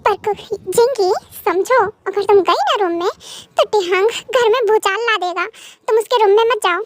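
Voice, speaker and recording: A woman voicing a calm, indulgent middle-aged father who speaks gently to his children in a fan audio drama. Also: very high-pitched, normal speed, dry recording. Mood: gentle. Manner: gentle, soothing.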